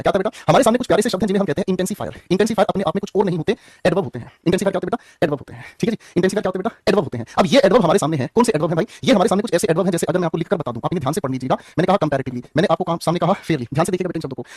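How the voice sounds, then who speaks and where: A man's voice: high voice, expressive, rapid-fire, darkish tone, breathy edge, no room sound, clean studio sound. A man teaching English grammar in an online class, joking and teasing students as he goes.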